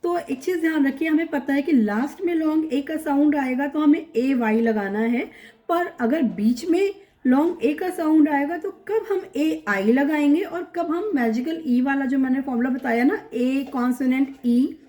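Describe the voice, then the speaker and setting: A woman's voice: sits high, warm tone, reverberant. A woman teaching English phonics, patiently working through examples and checking that her students follow. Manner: patient, drawn-out examples, frequent check-ins like "clear?". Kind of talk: phonics lesson in Hindi.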